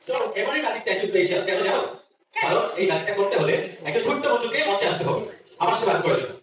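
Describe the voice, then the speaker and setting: A man's voice: sits high, lively intonation, rapid-fire, background noise. A man working as a kids' party magician, coaxing children with simple questions and chanted magic words in live show patter. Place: live event stage with audience. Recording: echoey hall, distant PA, audience, dull sound.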